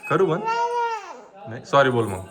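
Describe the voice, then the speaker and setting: A man's voice: medium pitch, big pitch swings, moderate pace, crowd noise. A man in a casual home vlog, playfully teasing a small child with repeated questions. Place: home, indoors.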